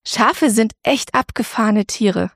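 A woman's voice: fairly high pitch, a little slow, creaky, no room sound, clean studio sound. A woman giving a casual spoken devotional talk, colloquial and repeating phrases like a mantra.

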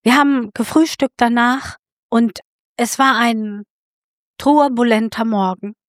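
Woman preacher, higher voice, story-driven sermon, dry recording. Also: unhurried, dry recording. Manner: storytelling, appealing directly to listeners.

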